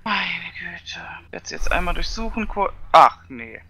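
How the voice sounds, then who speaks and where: A man's voice: high-pitched, very animated, unhurried, a loud crowd. A man playing a military police officer in a game roleplay, stern and formal.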